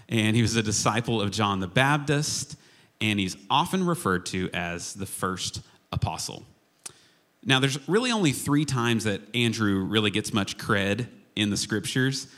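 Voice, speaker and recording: An Oklahoma man serving as a worship and media arts pastor guest preaches a humorous, informal sermon, chatty and poking fun at himself. His lowish voice is a little slow, fairly bright in tone, with lively intonation. He's from the United States.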